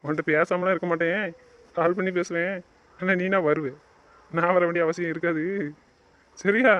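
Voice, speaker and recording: Guy in a romance audio drama, high quick voice, bossy and teasing, muffled lo-fi sound. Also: steady tone, fairly bright tone. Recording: dull lo-fi recording.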